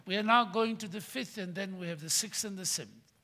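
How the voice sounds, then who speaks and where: An older man preaching a sermon from a church pulpit, swinging between loud emphatic bursts and quiet asides. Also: high voice, fairly quick. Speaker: pastor. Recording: long hall reverb.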